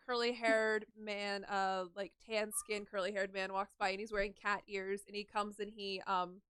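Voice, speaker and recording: A woman's voice: mid-range voice, bright, forceful tone, smooth, no echo, clean studio sound. A woman narrating as game master of a tabletop game, rambling and giggly with lots of fillers.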